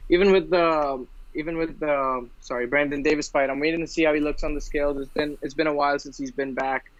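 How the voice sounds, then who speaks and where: A man from India talks fight bets in a casual podcast chat, his voice sitting a little high. He rambles and restarts his sentences often. The recording is dull and lo-fi, with a dry, close sound. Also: steady tone, dry recording. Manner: quick, rambling, many restarts. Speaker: podcast co-host.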